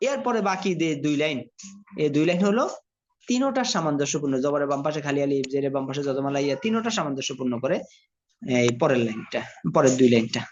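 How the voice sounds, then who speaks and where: High-voiced man teaching Quran spelling. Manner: spells letter by letter, then blends syllables slowly; addresses learners directly, asks and answers own questions. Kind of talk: slow spelled-out recitation lesson. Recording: dull lo-fi audio.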